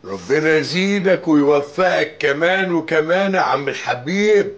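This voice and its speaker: Boastful, teasing older Egyptian father, drama series, raised pitch, very animated delivery. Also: normal speed, muffled recording. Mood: mocking, triumphant. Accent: Egyptian Arabic. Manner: teasing, sarcastic.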